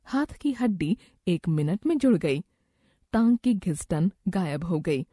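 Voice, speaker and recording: A woman narrates a moral story at an unhurried reading pace. Her voice sits a little low and sounds mellow and soft. The recording is dry and close, with no room sound. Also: big pitch swings, slightly rough, dry recording. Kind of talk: scripted first-person story narration.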